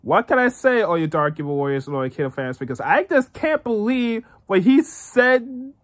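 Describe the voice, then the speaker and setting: A man's voice: high-pitched, very animated, moderate pace. A man hosting a gaming channel, giving casual reaction commentary with lots of stammering, repetition and giggles.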